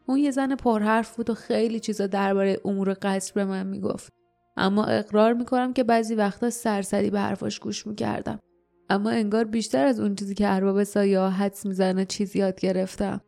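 A woman voicing a gruff, wounded older male warrior in a storybook reading, explaining wearily. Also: medium pitch, level tone, dark tone, soft background music, lightly acted. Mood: weary. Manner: explaining, tired.

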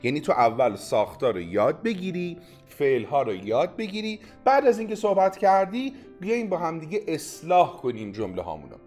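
A man teaching a podcast language lesson, coaching the listener directly with quick prompts, drills and praise. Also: a little high, big pitch swings, darkish tone, soft background music.

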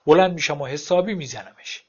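Wry male storyteller, slightly high voice. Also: expressive, slightly rough. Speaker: narrator. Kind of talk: audiobook narration. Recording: dull lo-fi recording.

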